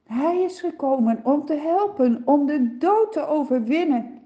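A woman narrating a children's Bible story gently and expressively, with soft sighs. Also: sits high, animated, a little slow, lo-fi sound.

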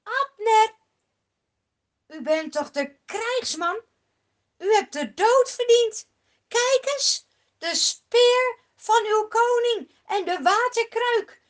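A woman voicing a young man who shouts loudly across a valley and pleads with a king. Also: very high-pitched, slow, pitched above the performer's own voice, exaggerated voice. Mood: accusing shout. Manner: loud, pleading calls.

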